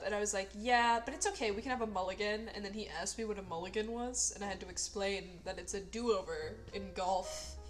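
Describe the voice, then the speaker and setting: A young woman streamer reading her old fanfic aloud, breaking off for sarcastic, self-mocking asides. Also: mid-range voice.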